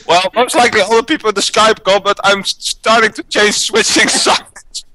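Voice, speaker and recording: A man's voice: high voice, normal speed, dry recording. A man chatting and laughing with friends during an online multiplayer game. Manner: laughing, excitable. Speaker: gamer. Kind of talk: casual multiplayer banter.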